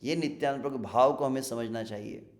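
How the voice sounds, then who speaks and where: A man giving a devotional sermon, telling stories with lively acted-out warnings and occasionally chanting verses. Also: medium pitch, a little fast. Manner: animated storytelling, acts out warning villagers in raised voice. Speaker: preacher. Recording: echoey room.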